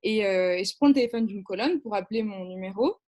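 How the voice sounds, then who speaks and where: A woman's voice: medium pitch, fast talker, a little mellow. A young woman, a camp counselor, telling an anecdote as a guest on a radio show, hesitating often and laughing at herself. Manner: hesitant, many fillers and restarts, laughs at herself.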